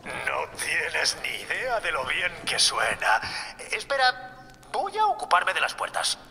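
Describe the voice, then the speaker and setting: A man's voice: fairly high pitch, huge pitch swings, slow, creaky, sharp tone, exaggerated voice. An actor playing a nervous, eager man in a video game, with a creepy, psychopath-like lilting delivery. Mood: eager, unsettling. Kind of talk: dramatic video game acting. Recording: hall reverb, faint ambient noise.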